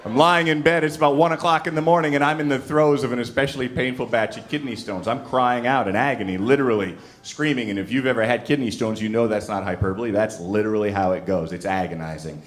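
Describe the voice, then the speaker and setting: A man's voice: mid-range voice, steady tone, quick pace, few pauses. A man doing a stand-up comedy set on a club stage, brash and teasing the crowd. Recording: live club, crowd laughter. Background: audience laughing.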